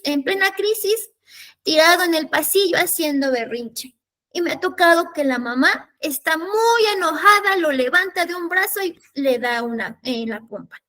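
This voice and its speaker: High-voiced woman leading a parenting workshop. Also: sharp tone. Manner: explanatory, checks in with listeners through tag questions. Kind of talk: workshop lecture.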